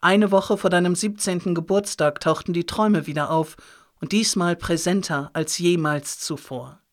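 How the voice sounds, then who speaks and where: A man's voice: sits high, moderate pace, natural voice. A man voicing a grave, troubled grandfather. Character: older grandfather, quietly troubled storyteller.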